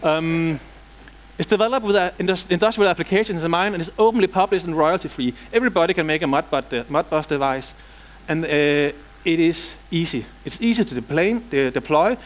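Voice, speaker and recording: Speaking into a lapel mic in a large hall, a middle-aged man from Denmark presents at a software conference in Danish-accented English. His slightly high voice carries casual, dry humor woven between the technical material.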